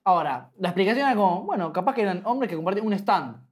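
A man, hosting a casual podcast chat and retelling scenes with lively quoted lines. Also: high-pitched, fast. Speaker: podcast host.

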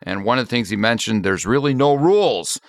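A man's voice: mid-range voice, animated, brisk, no echo, clean studio sound. A man who is a pastor, co-hosting a casual Bible study podcast and explaining things in a friendly, plain-spoken way.

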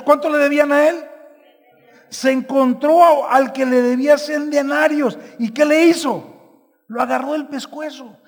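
High, gravelly-voiced preacher man in a reverberant hall. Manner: prays softly, then preaches with call-and-response to the congregation. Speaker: pastor. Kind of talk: sermon. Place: church sanctuary. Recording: large hall with long reverb.

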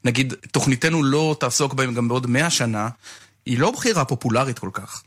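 A man's voice: mid-range voice, lively intonation, fairly bright tone, no echo, clean studio sound. A man with an Israeli accent co-hosting a radio show in a casual, chatty way. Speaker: radio co-host. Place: radio studio.

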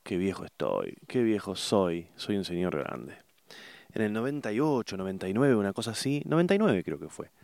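A middle-aged man with an Argentine Spanish accent rambles casually to his viewers, stopping often to hunt for words. His voice sits low and comes across smooth and resonant. The sound is dry, with no room echo. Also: big pitch swings, normal speed, a little mellow. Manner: hesitant, searching for words, many fillers. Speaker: vlogger.

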